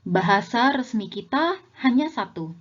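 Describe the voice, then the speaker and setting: A woman's voice: fairly high pitch, expressive, a little slow, dull audio. A young woman teaching a language lesson in scripted narration, speaking in a friendly way to viewers as friends.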